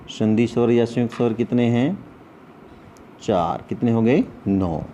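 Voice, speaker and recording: A man leads an online lesson at a deliberate, unhurried pace, his voice mellow and low in brightness. He drills his pupils with questions and then answers them himself. A faint noise sits under the recording. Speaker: Sanskrit teacher. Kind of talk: online class lecture.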